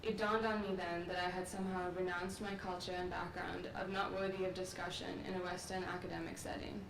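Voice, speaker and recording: The distant, echoing recording with noise picks up a young Sri Lankan graduate student speaking at a podium during an outdoor courtyard commencement. Her voice sits on the low side with a level tone, and she delivers her speech in a measured, earnest, reflective way.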